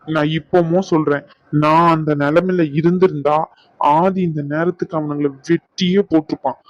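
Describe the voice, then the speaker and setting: A man voicing a vengeful doctor, raised pitch. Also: steady tone, moderate pace, no room sound, muffled recording, close to an everyday voice. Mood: defiant. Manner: defiant, cold, insistent. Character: vengeful young doctor, stubborn and angry. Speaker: voice actor. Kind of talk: cartoon dub acting.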